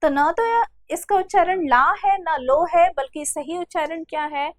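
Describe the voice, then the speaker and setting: A woman with a high voice teaches a grammar class over slides. She explains patiently and repeats each example slowly, calling her students "beta". The recording is dry and close, with no room sound. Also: no room sound.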